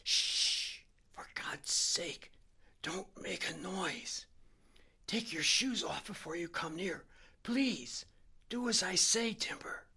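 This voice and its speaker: A man voicing a gravely ill, frightened man lying in bed, speaking in a hoarse, straining half whisper, slowly, one word at a time. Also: high voice, lively intonation, bright, forceful tone, pitched above the performer's own voice, heavily acted. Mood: tense whisper. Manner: slow, each word whispered separately.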